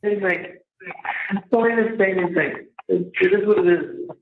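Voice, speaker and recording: A man calling his family from a jail payphone, halting and repetitive as he reassures them. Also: high-pitched. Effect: heard through a jail payphone. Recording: muffled echoey phone line with noise.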